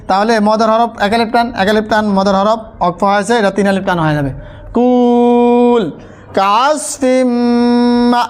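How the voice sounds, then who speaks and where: A man teaching a Quran spelling lesson, chanting letters and syllables slowly and repeating them in a steady drill. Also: high-pitched. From Bangladesh.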